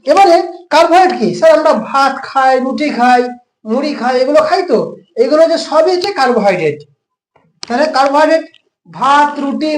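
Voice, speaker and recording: A man's voice: extremely high pitch, echoey room, poor audio. A man with a West Bengal accent tutoring a class, explaining step by step and asking rhetorical questions.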